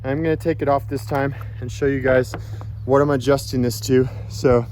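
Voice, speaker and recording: A man's voice: medium pitch, fairly even intonation, normal speed, a little mellow, slight background noise. A man giving a casual, informal product demonstration in an instructional way, as a reviewer.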